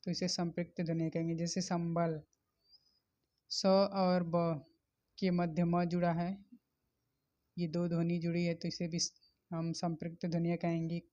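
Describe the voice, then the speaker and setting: A woman's voice: on the low side, completely flat delivery, unhurried, pauses often, mellow. A woman teacher giving a methodical revision lesson on grammar, spelling out letters and examples one by one. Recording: dull lo-fi recording.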